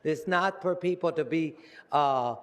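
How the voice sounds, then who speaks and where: An older man in his seventies speaks at a city council podium, rambling, circling back and repeating himself as he goes. His voice sits somewhat high for a man. The chamber lends it a long, lingering reverb. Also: measured pace. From United States. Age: 70s. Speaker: public commenter. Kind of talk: rambling public comment.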